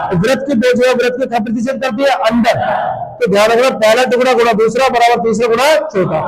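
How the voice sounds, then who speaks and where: A male maths teacher lecturing a classroom, firing questions at the class and often shouting the answers back. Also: very high voice. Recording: long hall reverb.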